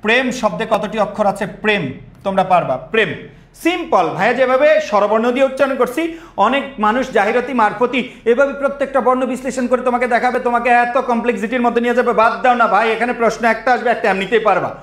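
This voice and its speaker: High-voiced energetic teacher. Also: male voice, quick pace, reverberant. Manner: energetic, quizzes students with repeated questions. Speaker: admission test teacher. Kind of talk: live online class.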